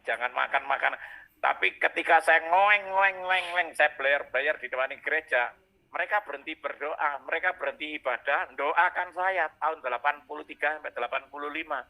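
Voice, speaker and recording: A man's voice: a little high, fairly quick, vocal fry, bright, forceful tone, rough recording. A man from Malang, giving a personal testimony as a preacher and telling his story with animation, acting out voices and sounds. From Indonesia, Malang. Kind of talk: personal testimony on a video call.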